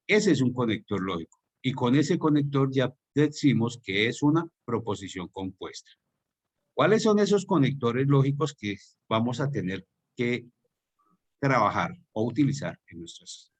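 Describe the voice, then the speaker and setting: A man's voice: medium pitch, slightly rough. A man with a Colombian Spanish accent, teaching an online class over a video call, explaining and quizzing his students.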